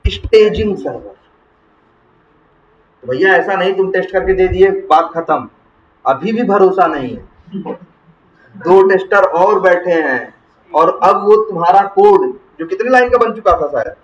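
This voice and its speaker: A man teaching software testing in to a class, asking questions and answering them himself. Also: sits high, expressive, a little slow, pauses often. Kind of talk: classroom lecture. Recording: roomy, distant, muffled classroom recording.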